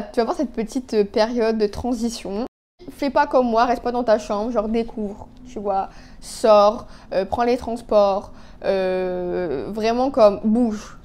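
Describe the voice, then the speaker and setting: A woman's voice: a little high, dark tone. A young woman in her twenties chatting casually while doing her makeup, talkative and full of fillers and asides. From Canada. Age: 20s. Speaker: beauty vlogger. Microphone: phone.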